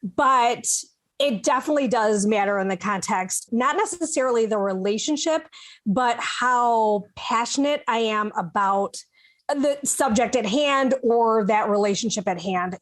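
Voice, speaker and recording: A woman from Chicago talking as a panelist in a casual, thoughtful podcast discussion, pausing to search for her words. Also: fairly high pitch, expressive. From Chicago, USA.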